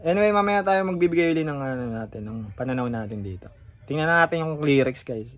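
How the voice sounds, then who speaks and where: A man's voice: a little high, expressive, fast. A man talking casually to his viewers as he reacts to a song, often asking them questions and swearing in surprise.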